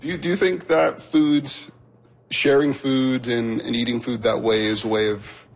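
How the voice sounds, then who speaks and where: Male radio host, gravelly timbre, friendly conversational interviewer. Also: medium pitch, fairly even intonation, normal speed.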